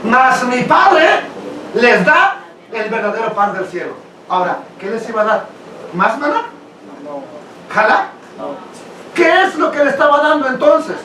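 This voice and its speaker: High-voiced preacher in an echoey room. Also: male voice, measured pace, long pauses, slight background noise. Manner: animated, asks the congregation questions, laughs often. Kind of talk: sermon. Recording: echoey room, mic at a distance.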